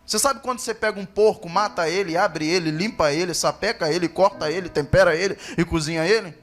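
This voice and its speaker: A male pastor from Brazil preaching at a church service, telling a story dramatically and swinging from hushed asides to loud, impassioned calls. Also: high-pitched, quick pace.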